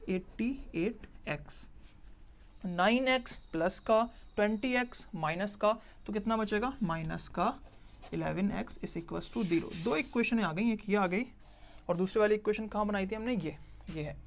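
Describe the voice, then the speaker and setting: A man's voice: sits high, moderate pace. A male math teacher walks through a problem at the board, one step at a time. He repeats each point and checks in with his students as he goes. He slips English math terms into his explanation. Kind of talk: board-work math lesson.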